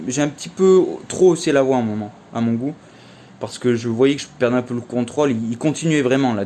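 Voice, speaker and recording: A man's voice: medium pitch, warm tone, a little hiss or hum. A young man telling a casual story in a vlog, chatty and slangy, full of fillers. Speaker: vlogger.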